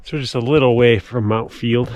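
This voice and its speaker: A man giving casual, halting trail narration as a hiking vlogger, outdoors on a snowy mountain. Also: medium pitch, steady tone, darkish tone, highs cut off, faint music behind. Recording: clearly noisy outdoor recording with clicks.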